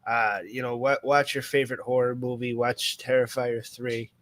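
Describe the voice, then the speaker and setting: A man's voice: medium pitch, level tone, normal speed, fairly bright tone, no room sound. A man co-hosting a podcast in a casual, rambling chat full of fillers and restarts. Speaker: podcast co-host.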